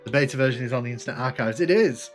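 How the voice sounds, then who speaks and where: Hosting a gaming livestream, a man from the north of England with a hint of Liverpool in his accent chats with viewers in a casual, somewhat halting way, repeating phrases as he plays. His voice sits in the mid-range, with soft music underneath.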